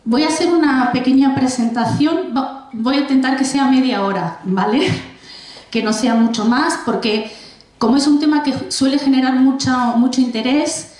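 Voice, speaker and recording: Inside a very echoey library room full of people, a woman in her forties from Argentina presents her first book. Her voice is high-pitched and darkish in tone, moving at a moderate pace, and she talks chattily, restarting often and adding asides.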